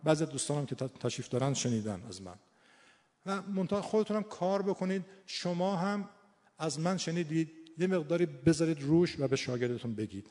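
A man's voice: a little high, a little mellow, in a large hall. A Persian-speaking man giving an informal lecture on vowel sounds, stretching out sample sounds as he demonstrates them. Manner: demonstrates vowel sounds aloud, slow and drawn out. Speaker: teacher of Quran recitation and phonetics.

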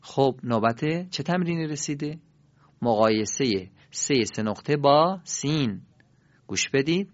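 A man's voice: mid-range voice, expressive, no echo. Man drilling pronunciation in a dull recording. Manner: careful, drawn-out syllables for learners to repeat. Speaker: pronunciation teacher. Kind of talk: pronunciation lesson with call-and-response drills.

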